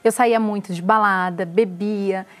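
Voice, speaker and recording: A woman with a Brazilian Portuguese accent, calmly recounting her testimony as a church member in an interview. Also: medium pitch, normal speed.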